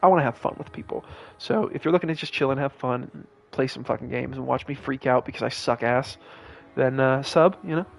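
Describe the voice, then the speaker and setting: A man's voice: medium pitch, fairly quick, gravelly, hardly any pauses. A tired young man streaming a game, rambling in casual commentary with many fillers, restarts and swearing. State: tired, yawning. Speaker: gaming streamer. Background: game music underneath.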